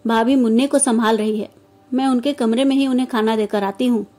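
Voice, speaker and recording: A woman voicing a gentle, caring young married daughter who speaks softly and coaxingly in a storybook. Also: on the high side, steady tone, fairly quick, natural voice. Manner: soft, coaxing.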